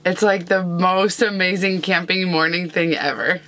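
A woman's voice: lowish voice, steady tone, moderate pace, a bit bright. A woman vlogger talking casually through her morning routine in a truck camper, easygoing and chatty. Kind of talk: casual morning vlog talk.

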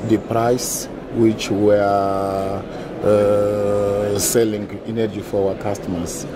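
Halting man with thick Portuguese accent. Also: on the low side, flat delivery, background noise. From Mozambique. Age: middle-aged. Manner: thick foreign accent, halting non-native English. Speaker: utility manager being interviewed. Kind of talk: interview answers. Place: indoor conference interview booth. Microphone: lapel. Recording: busy event hall chatter behind.

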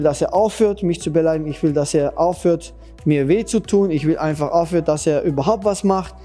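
A man's voice: on the high side, dark tone. A man, a martial arts trainer, talking directly to children in simple, slightly broken phrasing, patient and repetitive as he demonstrates moves. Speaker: Krav Maga kids' trainer. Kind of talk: instructional talk to children.

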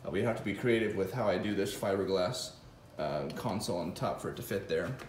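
A deep-voiced vlogger speaks briskly as he casually walks through his motorcycle wiring, thinking out loud with fillers and restarts while building an electric bike in his home garage. Captured close on a phone camera, the sound is reverberant with slight background noise.

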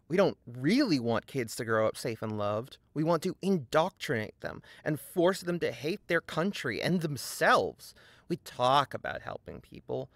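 A man narrates a scripted video essay with a highly animated pitch, sounding sardonic and emphatic and slipping in dry asides. The recording is close and dry, with no room sound at all.

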